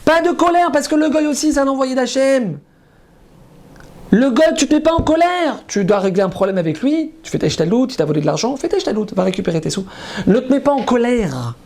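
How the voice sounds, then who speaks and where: High-voiced impassioned preacher man. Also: lively intonation, a little fast. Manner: emphatic and repetitive, often calling out to listeners; sweeping from loud high exclamations to low murmurs. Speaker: rabbi. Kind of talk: impassioned sermon.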